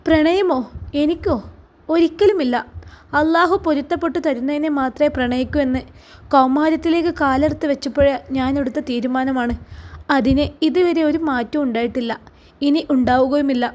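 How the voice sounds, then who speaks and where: A woman playing a calm, devout young mother. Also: high voice, normal speed, lightly acted. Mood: firm.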